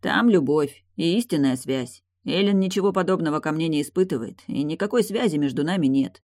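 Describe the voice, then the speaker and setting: A woman's voice: low voice, a little fast, a little mellow, no room sound, studio quality. A woman doing a weary, curt male investigator. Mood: terse. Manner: terse, tired, defensive. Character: weary curt man, lead guard investigator.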